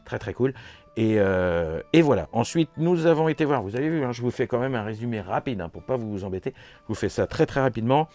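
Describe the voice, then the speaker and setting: A man's voice: mid-range voice, lively intonation, a little fast, mellow, soft background music. A man with a French accent recapping a horror convention in a casual vlog, enthusiastic and rambling with many fillers and repeats. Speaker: vlogger recounting a convention.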